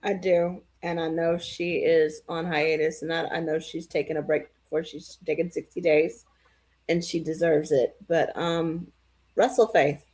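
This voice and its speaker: A woman co-hosting a podcast in casual chat, speaking in a heartfelt, measured way. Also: sits low, little pitch movement, darkish tone, breathy edge. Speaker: podcast co-host.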